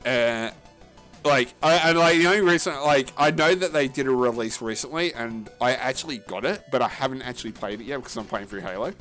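A man co-hosting a casual gaming podcast, talking in a rambling, halting way full of fillers and restarts, with a casual, profane manner. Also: mid-range voice, fairly bright tone, soft background music. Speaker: podcast co-host.

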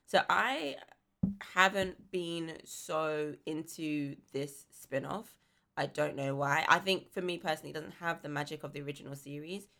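A woman's voice: sits low, normal speed, vocal fry, fairly bright tone. A woman on a podcast panel, giving her opinions in casual conversation.

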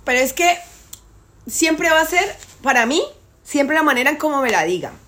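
A woman's voice: sits high, very animated, moderate pace, sharp tone. A woman talking insistently in a casual debate, repeating herself to drive points home.

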